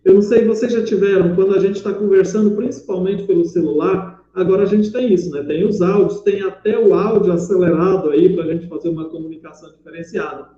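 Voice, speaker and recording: A man's voice: high voice, steady tone, quick pace, few pauses, dark tone. A man with a Brazilian Portuguese accent teaching a class, explaining patiently step by step with examples. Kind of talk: online class lecture. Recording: echoey, dull lo-fi room audio.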